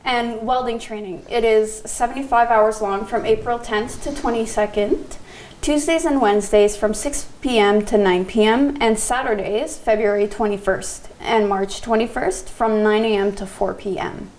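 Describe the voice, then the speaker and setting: A woman's voice: a little high, moderate pace, a little mellow, low-quality recording. A woman co-hosting community radio, reading local notices plainly and teasing her co-host. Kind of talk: community radio announcements and banter.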